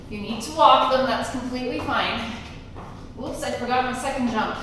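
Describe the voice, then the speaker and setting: High-pitched woman coaching a workout, echoing room. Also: normal speed, a bit bright. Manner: encouraging, calling out brief commands and countdowns. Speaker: fitness instructor leading a Tabata workout. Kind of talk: live workout coaching with short cues and demonstrations. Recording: echoey room, distant mic, noisy.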